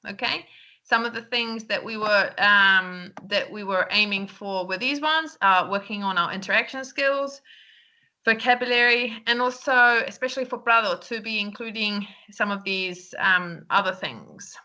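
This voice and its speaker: A woman records feedback for her English class. Her voice is bright and crisp, and she keeps checking in with "okay?" and "um". She speaks into a computer mic while going over a screen. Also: a little high. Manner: chatty, lots of "um" and "okay?", laughs at herself. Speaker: English teacher.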